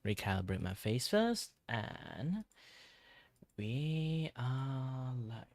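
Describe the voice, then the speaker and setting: A man hosting a casual livestream as a virtual streamer, chatting in a rambling, halting, self-deprecating way. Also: medium pitch, lively intonation, a little mellow, no echo.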